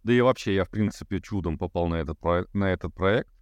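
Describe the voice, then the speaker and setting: A man in his thirties with a very low, smooth and resonant voice. He talks as a podcast guest in a loose, hesitant way, full of fillers and self-deprecating chuckles, recorded dry and close. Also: fast talker, dry recording. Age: 30s. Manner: hesitant, many fillers, laughs at himself. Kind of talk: casual conversation.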